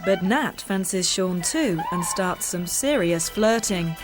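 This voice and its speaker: A woman narrating a documentary series in an even, informative, scripted way. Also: fairly low pitch, slow. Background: music.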